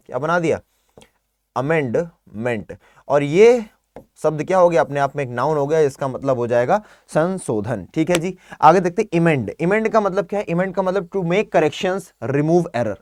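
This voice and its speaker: A young man teaching English vocabulary in an online exam-prep lesson, lively, mixing Hindi with English, spelling words out and firing rhetorical questions at his class. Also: a little high, no room sound, clean studio sound.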